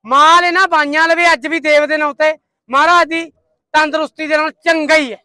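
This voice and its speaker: A Punjabi man with a very high, forceful voice and a dry, close sound. He bargains at a livestock market with hearty, outspoken banter, talking like the host of the whole deal. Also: fairly even intonation, a little fast, no echo. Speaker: livestock trader hosting market videos.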